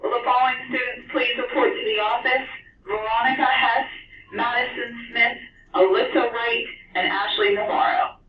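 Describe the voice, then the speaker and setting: A very high-pitched man's voice comes over a school intercom, muffled and distant. It rings through an echoey classroom with a faint hiss underneath, as he formally reads out names to call students to the office. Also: steady tone, normal speed. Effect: heard over a school intercom loudspeaker. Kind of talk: public address announcement. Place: classroom, heard from a ceiling speaker.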